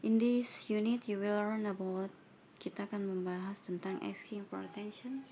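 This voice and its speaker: Woman teacher for an online English lesson, reading lines slowly and then translating, with a dull, faintly noisy recording. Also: medium pitch, steady tone, dark tone. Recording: dull lo-fi sound with faint noise.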